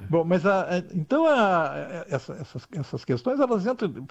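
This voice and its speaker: High-pitched and creaky with wide pitch swings, this older Brazilian man from Rio Grande do Sul talks at normal speed as an interview guest expert, rambling, restarting and asking "tá?" again and again. The audio is dull, lo-fi and dry, with no room sound.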